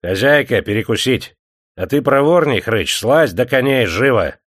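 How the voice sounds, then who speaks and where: Man playing a gruff tax inspector, bossy, barking, mocking, loud, dry audiobook sound. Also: lowish voice, moderate pace, no room sound, natural voice.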